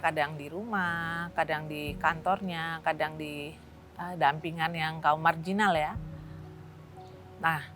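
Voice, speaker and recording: A woman in her late fifties from Indonesia, talking casually about her volunteer work in a chatty way. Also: low-pitched. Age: 50s. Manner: chatty, with soft laughs. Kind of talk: casual interview.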